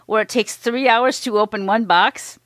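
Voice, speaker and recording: A woman's voice: on the high side, fairly even intonation, moderate pace, fairly bright tone, slight background noise. A woman reading a playful sponsor spot for a hobby podcast, breaking into giggles. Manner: giggly, keeps breaking into laughter. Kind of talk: playful scripted ad read.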